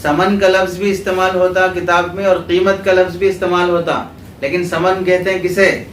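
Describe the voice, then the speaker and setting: A man with a high, level, fairly bright voice and a Pakistani Urdu accent gives a call-and-response lecture at a religious school, explaining terms and repeating students' answers. Roomy echo, a distant mic, and clear background noise mark the recording.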